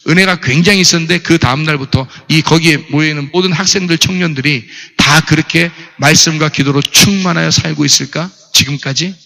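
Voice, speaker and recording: A middle-aged man preaching a sermon, telling a story with animated delivery and asking the congregation questions. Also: a little high, vocal fry. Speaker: pastor. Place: church. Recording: church hall reverb.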